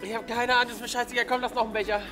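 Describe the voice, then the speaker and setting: A man's voice: very high-pitched, little pitch movement, very fast, over music. A young man bantering casually and bluntly outdoors during a food challenge, a little grumbling. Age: young adult. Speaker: challenge participant. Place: snowy garden, outdoors. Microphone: camera a few metres away.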